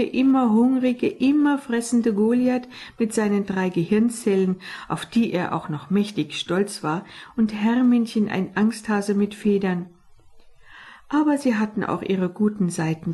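A woman narrating her own children's audiobook in a lively, expressive way. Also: mid-range voice. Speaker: author and narrator.

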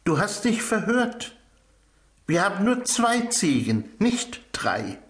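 An eager little Egyptian boy, as a man puts him on, pitched well up and earnest in a children's storybook reading. The voice rings a little in a roomy space. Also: sing-song, takes it slowly, heavily acted. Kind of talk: children's audiobook character voice.

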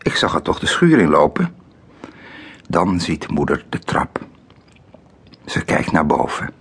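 A man narrating a children's audiobook in an expressive way, dropping to a whisper at tense moments. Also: low voice, gravelly, breathy edge. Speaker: storyteller.

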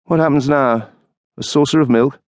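A man plays a playful, joking husband in light, teasing banter. His mid-range voice is natural but pitched above his own, at normal speed, with clean studio sound and no room noise.

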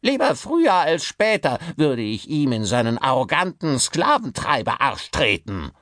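A man voicing a spiteful male ventriloquist's dummy with a high, rasping voice and insulting manner. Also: very animated, a little slow, fairly bright tone, no echo, clean studio sound. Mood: contemptuous. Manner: insulting, contemptuous.

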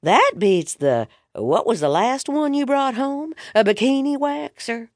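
A woman's voice: high voice, very animated, measured pace, darkish tone, no echo, clean studio sound, voice pushed up, exaggerated voice. A sultry teasing fifties woman, as a female narrator puts her on.

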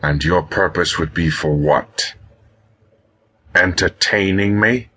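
Storybook harpy male, proud and hostile, rugged hiss, voiced by a man. Low, slow and husky. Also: pushed and bright, exaggerated voice. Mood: suspicious. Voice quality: rugged hissing voice. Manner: menacing, suspicious, contemptuous. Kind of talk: audiobook character reading.

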